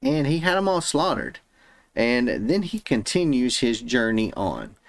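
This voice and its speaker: A man's voice: mid-range voice, huge pitch swings, a little slow, creaky, slight background noise. A man hosting a daily Bible reading, retelling the stories in a casual, conversational way and paraphrasing loosely.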